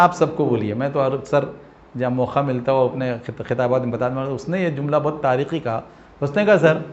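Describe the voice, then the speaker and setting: A man giving an emphatic, informal sermon that swings from loud to quiet. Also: mid-range voice. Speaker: preacher giving a weekly talk. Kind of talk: informal sermon with acted anecdotes. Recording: dull lo-fi recording.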